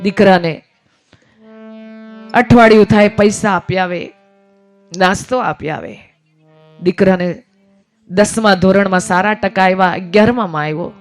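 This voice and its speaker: A woman's voice: medium pitch, unhurried, long pauses. A woman narrating a devotional story, emotionally voicing a father, mother and son. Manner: emotional storytelling, voices the characters' pleas. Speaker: religious storyteller. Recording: faint music behind voice.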